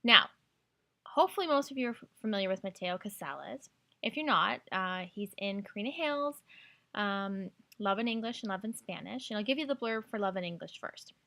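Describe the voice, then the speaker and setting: Brisk and animated, this medium-pitched female voice has a creaky texture and a fairly bright tone. She's a Canadian podcast host recommending books in an enthusiastic, gushing way, mixing casual talk with read-aloud blurbs and quotes.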